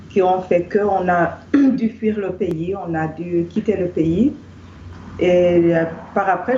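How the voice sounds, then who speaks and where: A woman from Rwanda talks as a guest in a hesitant, filler-heavy way. Her voice is low-pitched and mellow. It comes through a muffled, roomy line with faint noise behind. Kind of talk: casual discussion.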